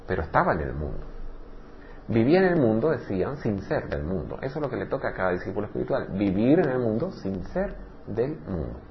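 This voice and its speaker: Man, spiritual teacher, animated lecture, rhetorical questions, slightly muffled recording, faint hiss. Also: fairly low pitch, fairly quick.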